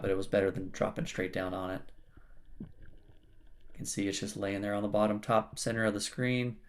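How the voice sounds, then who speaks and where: Low-voiced man narrating his dive footage. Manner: plain-spoken, matter-of-fact, explains as he goes. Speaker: spearfishing channel host.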